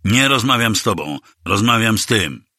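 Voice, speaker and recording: A man's voice: on the low side, lively intonation, normal speed, dry recording, studio quality, voice pushed up, heavily acted. A man doing a sneering gangster boss. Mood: taunting. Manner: sneering, mocking, bursts into shouting. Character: menacing taunting gangster boss, adult man. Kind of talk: audiobook character voice.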